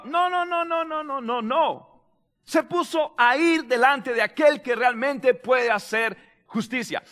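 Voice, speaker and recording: A man preaching a sermon as pastor, animated and dramatic, acting out prayers and raising his voice to a shout. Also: very high voice, long reverb tail.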